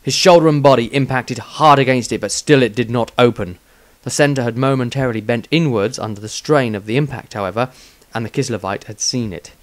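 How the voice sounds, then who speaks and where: A man reads his own fantasy story as dramatic scripted narration, measured and suspenseful in style. His voice is medium-pitched, and the recording is dry.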